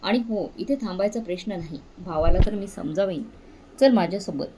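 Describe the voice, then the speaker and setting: A woman's voice: mid-range voice, normal speed, noisy background, natural voice. A woman voicing a kind, determined young man who speaks earnestly and reassuringly.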